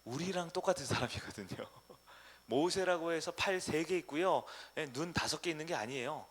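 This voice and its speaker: A man preaching a sermon as pastor in a church, asking the congregation questions and swinging between loud emphasis and hushed asides. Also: fairly high pitch, expressive, moderate pace, husky. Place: church sanctuary.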